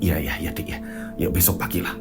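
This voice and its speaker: A man voicing a worried young husband who speaks low, hushed and evasive. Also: brisk, close to an everyday voice. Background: background music.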